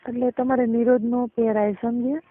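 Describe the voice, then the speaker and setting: Speaking briskly in a fairly high, level voice, a Gujarati-accented woman chats casually on a recorded phone call. She explains things colloquially and frequently makes sure the listener is keeping up. The sound is muffled and narrowband.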